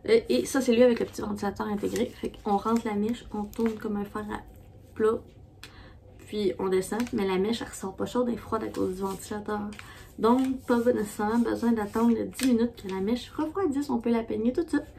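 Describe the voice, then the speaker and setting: A woman's voice: on the high side, fairly even intonation, brisk, vocal fry, dark tone, slight background noise. A woman with a Québécois French accent chatting casually as a beauty vlogger, rambling with many fillers and restarts. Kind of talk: casual product review.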